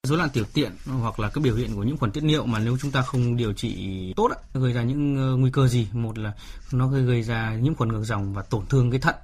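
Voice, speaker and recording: A man's voice: mid-range voice, fast, few pauses, darkish tone. A man explaining as a doctor, asking his own rhetorical questions and then answering them. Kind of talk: spontaneous medical explanation.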